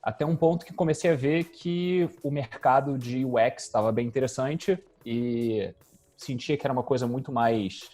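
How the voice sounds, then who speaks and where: A man, a guest speaking in a casual interview and thinking aloud as he goes. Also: mid-range voice. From Rio de Janeiro, Brazil. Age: 30s. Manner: relaxed, thinking aloud with fillers. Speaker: guest, UX designer.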